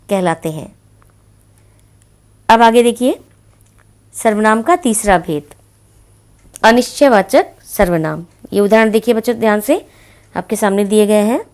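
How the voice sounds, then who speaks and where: Here a woman with a mid-range voice and a darkish tone gives children a grammar lesson. Her explanations are patient and full of repeated examples, much like a classroom.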